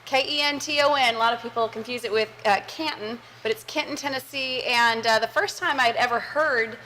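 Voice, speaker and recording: Bright-voiced woman. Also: a little high, a little fast, slight background noise. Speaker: winery co-owner. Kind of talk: interview answers.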